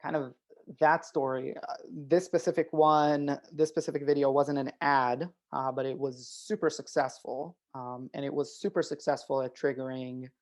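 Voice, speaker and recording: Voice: mid-range voice, fairly even intonation, normal speed. A guest speaking in a casual webinar discussion over a video call, hesitant with many ums and uhs.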